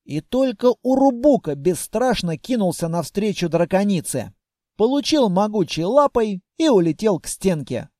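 A man narrating a fantasy audiobook in the first person with lively storytelling. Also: high voice, moderate pace, dry recording, studio quality.

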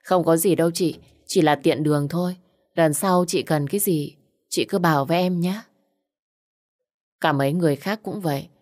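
A woman's voice: low voice, a little mellow. A woman narrating a first-person story and reading every character's lines in her own voice.

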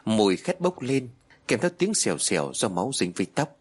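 A man narrating a horror story in a dramatic, expressive way. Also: mid-range voice, brisk, husky.

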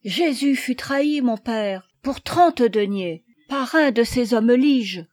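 A woman's voice: on the high side, animated, takes it slowly, a little mellow, pitched above the performer's own voice. A woman reading aloud, voicing an eager, clever young male boatman in an earnest, pleading way.

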